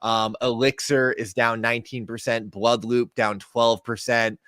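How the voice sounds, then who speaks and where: A man with a mid-range voice talks markets like a crypto bro on a gaming show. His delivery is casual and slangy, full of hype and shout-outs. The sound is dry, with no room echo. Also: medium pitch, little pitch movement, a little slow. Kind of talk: casual market news commentary.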